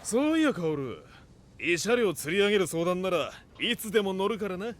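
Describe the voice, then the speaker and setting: An actor playing a brash, swaggering big-brother type who talks rough and mocking, in an audio drama with music behind. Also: male voice, sits high, expressive, moderate pace. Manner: rough, mocking street talk.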